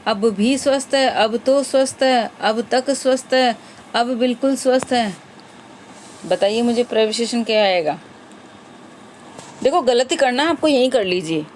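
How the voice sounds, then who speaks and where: A woman's voice: on the high side, slight background noise. A woman teacher going through exam-prep grammar questions, patiently repeating each question and its options aloud.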